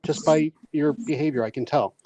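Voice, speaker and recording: A man with a mellow, rather high voice speaks at a moderate pace in a casual group voice chat, blunt and opinionated and swearing now and then. The line sounds dull and lo-fi, with faint noise.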